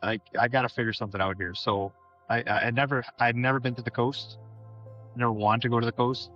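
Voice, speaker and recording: A man's voice: medium pitch, steady tone, quick pace, a bit bright. Chatty former hockey player, storytelling man. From Manitoba, Canada. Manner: rambling anecdotes with restarts and acted-out dialogue. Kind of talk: casual storytelling interview. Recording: slightly dull audio with faint music.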